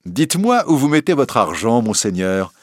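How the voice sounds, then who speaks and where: A man's voice: mid-range voice, sing-song, moderate pace, no room sound, clean studio sound, voice pushed up. A man doing a cheeky outlaw sidekick. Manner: cheeky, teasing. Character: loyal, jovial male outlaw companion.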